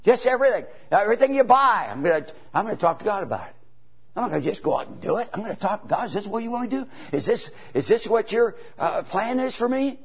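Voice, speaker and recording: Preaching on the road in his seventies, this evangelist has a voice that sits high, slightly rough and very animated. He builds toward emphatic bursts, lingers in drawn-out pauses, and repeats himself in a folksy way, peppering lines with "you know" and "amen."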